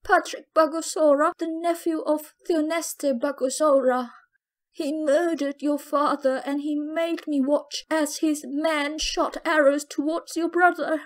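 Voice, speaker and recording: A woman's voice: high voice, fairly even intonation, unhurried, pitched above the performer's own voice. A woman voicing a dying mother who speaks in agony, breathless and faint, in an audiobook. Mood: agonized.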